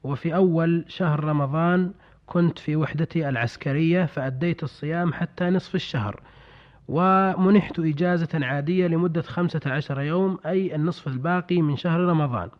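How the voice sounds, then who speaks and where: A man presenting a radio program in formal Standard Arabic, reading out listener letters in a measured, slightly hesitant way. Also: a little high. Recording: dull lo-fi radio recording.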